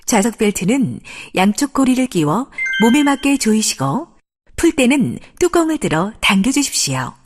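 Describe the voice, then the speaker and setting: A woman's voice: a little high, very animated, normal speed, breathy edge. A woman reading a scripted plane cabin safety announcement in a formal, polite way, as a flight attendant.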